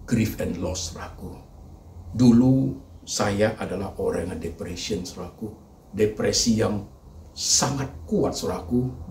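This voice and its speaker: Gravelly low-voiced preacher in an echoey hall. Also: male voice, darkish tone, a little hiss or hum. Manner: emphatic, repetitive, keeps addressing listeners as brethren. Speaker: pastor. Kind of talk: sermon. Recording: echoey hall, mic at a distance.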